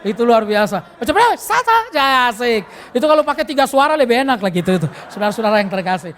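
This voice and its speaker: A male pastor preaching an animated sermon in a church, breaking into bursts of shouting. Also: extremely high pitch, quick pace, a little hiss or hum.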